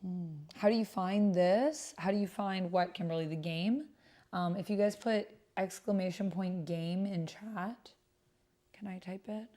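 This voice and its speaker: This streamer and host is a woman with a low, dark-toned voice, chatting casually on a livestream during a text roleplay game. She murmurs to herself as she types and reads messages aloud, with keyboard typing audible behind her.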